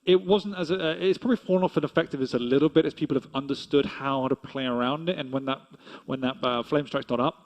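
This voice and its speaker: A man's voice: medium pitch, fast, few pauses, darkish tone, lo-fi sound. A man casting an esports match, analytical and chatty, laughing easily with his co-caster. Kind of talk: esports commentary.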